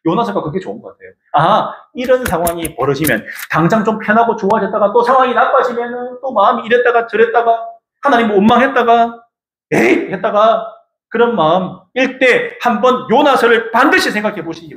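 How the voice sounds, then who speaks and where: A male pastor delivers a Sunday sermon with a high voice and a wide, lively melody. He keeps asking the congregation questions. The sound rings around an echoey church room. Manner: animated preaching, asks the congregation questions. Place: church sanctuary.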